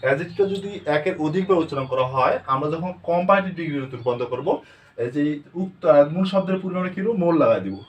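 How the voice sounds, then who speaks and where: A Bangladeshi man teaching English grammar, asking questions and answering them himself, sounding words out slowly. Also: a little high. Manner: asks and answers his own questions, slow word-by-word drilling. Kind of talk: spoken grammar lesson with questions to students.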